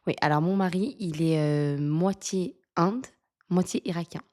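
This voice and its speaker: A woman in her thirties from France, a podcast guest telling lively stories in a casual chat, laughing often and using lots of fillers. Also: lowish voice, a little slow. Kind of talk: casual storytelling interview.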